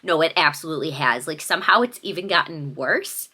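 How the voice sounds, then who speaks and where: A woman's voice: deep voice, lively intonation, brisk, pushed and bright. A young adult woman chatting casually in a vlog, enthusiastic and full of fillers, sometimes out of breath. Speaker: book vlogger.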